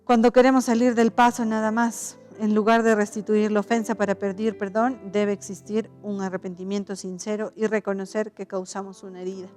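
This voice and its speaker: A woman pastor gives a conversational sermon in a mid-range, slightly mellow voice. She frequently restarts sentences, adds tag questions, and acts out the voices she quotes.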